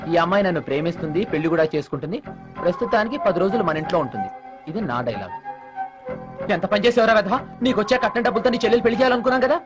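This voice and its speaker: A man's voice: fairly high pitch, expressive, rapid-fire, over music, lightly acted. A young man playing a cheeky film hero, mocking his family in comic dialogue.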